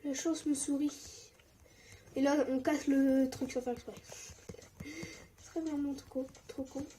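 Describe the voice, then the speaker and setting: Excitable young woman gaming, mellow tone. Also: sits high, a little slow, a little hiss or hum. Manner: excitable, often drops to a mumble or whisper. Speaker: gaming YouTuber. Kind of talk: casual Minecraft commentary.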